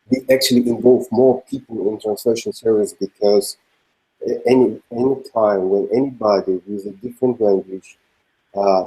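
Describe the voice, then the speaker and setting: A man with a Russian accent presenting a feature at an online developer meeting, halting and full of fillers. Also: lowish voice, dark tone, poor audio. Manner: halting, many fillers and restarts. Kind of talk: casual meeting talk.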